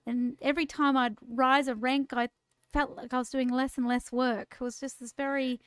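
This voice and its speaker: Her high, smooth voice comes across flat and at a moderate pace, with no echo. She's an Australian podcast co-host from Queensland, in her forties, sharing a personal story in easygoing, self-mocking conversation.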